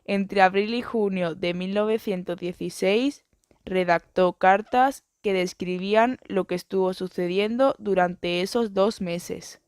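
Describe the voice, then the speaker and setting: A woman reading an educational biography and book summaries in a steady, even narration. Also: mid-range voice, a little slow, smooth, no echo, clean studio sound.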